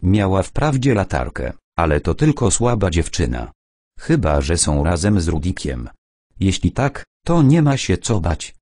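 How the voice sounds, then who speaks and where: A man reading a war novel aloud as an audiobook narrator, with dramatic, expressive delivery. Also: sits low, measured pace, no room sound, clean studio sound.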